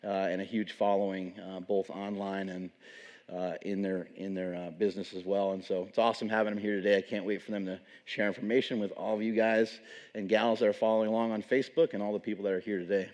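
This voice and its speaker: Host: man, low flat voice, quick delivery, rambling intro with fillers. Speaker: gym owner and host. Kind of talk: event introduction. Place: large gym.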